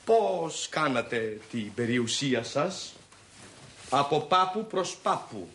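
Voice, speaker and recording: An actor playing a boastful, excitable husband who rants with swagger about the riches he expects. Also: medium pitch, echoey room, a little hiss or hum. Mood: bragging. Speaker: husband scheming to get rich.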